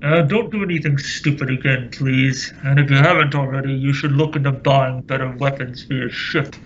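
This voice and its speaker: A man's voice: medium pitch, steady tone, highs cut off, a little hiss or hum, close to an everyday voice. A man reading as a stern commander. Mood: briefing. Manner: reads in plain, halting delivery with fillers. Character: stern male commander giving a mission briefing.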